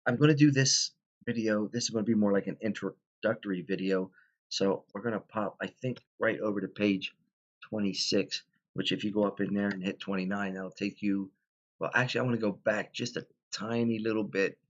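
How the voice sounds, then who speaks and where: A man with a very low voice talks through a tabletop game tutorial in a loose, rambling way, full of ums and restarts. He sounds tired, as if holding back yawns. The recording is dull and lo-fi. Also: fairly even intonation, brisk. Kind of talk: casual explanatory tutorial.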